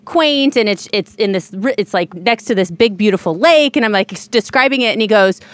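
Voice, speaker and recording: A woman's voice: mid-range voice, lively intonation, a little fast, no room sound. A woman from Ohio, a podcast guest telling a rambling, chatty story with casual swearing. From Ohio, USA.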